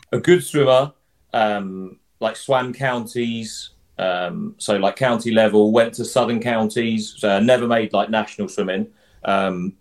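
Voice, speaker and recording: A man with an Essex accent chatting casually as an interview guest, talking in a self-deprecating, matey way. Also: lowish voice. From Essex, England. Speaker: former footballer turned pundit, interview guest.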